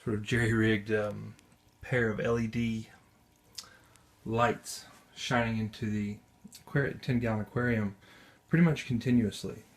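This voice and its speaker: A man giving casual off-camera commentary on his home aquarium, talking in a relaxed, halting way with many restarts, recorded on a camera mic in a spare bedroom. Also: on the low side. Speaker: aquarium hobbyist.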